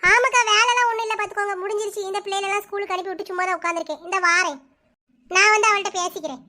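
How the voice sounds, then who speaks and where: A woman's voice: extremely high pitch, fairly even intonation. Woman voicing a bossy village neighbor. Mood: eager. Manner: fast, sharp scolding. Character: brisk young village neighbor woman, bossy but caring. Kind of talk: cartoon voice-over.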